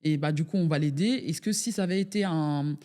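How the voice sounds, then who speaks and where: A woman's voice: low-pitched, a little fast, dark tone. A woman, an ecologist activist in a political debate, speaking hesitantly with many fillers.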